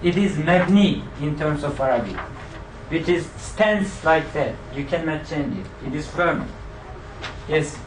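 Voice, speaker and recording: A man's voice: fairly high pitch, lively intonation, measured pace, far from the mic, noisy background. A man teaching a classroom grammar lesson, quizzing students and repeating their answers back to them. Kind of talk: classroom lecture with student drills. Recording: echoey room picked up from afar.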